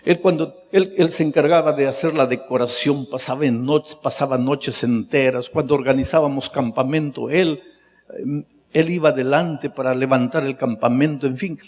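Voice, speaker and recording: A male pastor preaching in a large church auditorium, his voice trailing a long reverb through the room. He moves from hushed, low passages to soaring, urgent highs. His pitch sits in an ordinary middle range. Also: moderate pace. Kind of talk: sermon.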